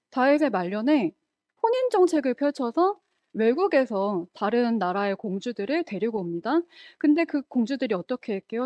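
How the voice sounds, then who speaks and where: A woman's voice: fairly high pitch, warm tone, no echo. A woman preaching a sermon in a conversational way, often asking the congregation questions.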